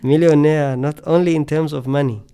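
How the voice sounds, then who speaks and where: A man's voice: a little high, steady tone, moderate pace, mellow, smooth. A middle-aged man from Tanzania, a scientist guest speaking earnestly in a podcast interview, often repeating words as he thinks.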